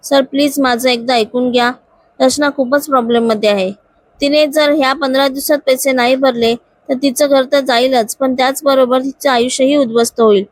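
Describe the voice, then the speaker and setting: A woman's voice: high voice, fairly even intonation, moderate pace, dry recording. A woman voicing a determined young female office worker who pleads earnestly for her friend. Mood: pleading.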